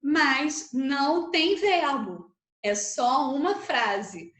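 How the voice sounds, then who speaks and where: A woman's voice: high-pitched, sing-song, a bit bright. A Brazilian Portuguese woman teacher giving an online grammar lesson, explaining patiently and checking in with her students often. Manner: slow, patient explaining with frequent tag questions. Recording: echoey room.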